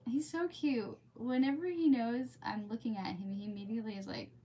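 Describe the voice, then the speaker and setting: She talks fast in a high, steady, dark-toned voice while hosting a livestream. Between passages of a storybook read-aloud, she chats with viewers in a relaxed, easily distracted way.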